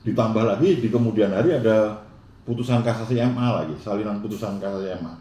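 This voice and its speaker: A man's voice: fairly low pitch, fast, mellow. A man asking questions as an interviewer. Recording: roomy echo, faint background noise.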